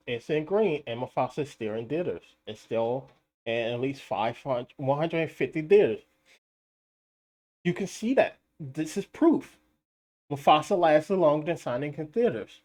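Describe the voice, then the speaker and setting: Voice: medium pitch, a little mellow. A live streamer giving argumentative commentary, insisting on points over and over and mocking critics with rhetorical questions. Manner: insistent, repeats points for emphasis. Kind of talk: live-stream commentary on box office numbers.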